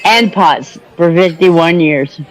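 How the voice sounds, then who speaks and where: A man's voice: fairly high pitch, slow. A man in his fifties chatting casually in an easygoing, chuckling way. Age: 50s. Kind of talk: casual live-stream chat.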